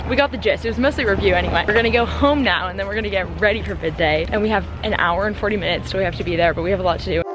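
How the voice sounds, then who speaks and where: A woman's voice: medium pitch, very fast, few pauses, over music, low-quality recording. A young adult woman chatting casually to her vlog audience as a college vlogger, with a bubbly, enthusiastic sorority-girl way of talking.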